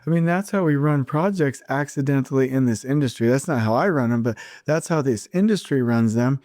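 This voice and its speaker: A man's voice: mid-range voice, a little fast, a little mellow, no echo, studio quality. A man hosting his own podcast, talking alone with strong feeling, repeating words for emphasis and restarting his sentences as he goes. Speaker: podcast host. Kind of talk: solo podcast monologue.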